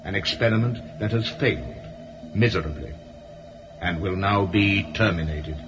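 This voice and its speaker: A man's voice: sits low, dull audio, over music, natural voice. A man voicing a solemn alien spirit council. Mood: grave. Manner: grave, measured, declamatory. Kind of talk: radio drama acting.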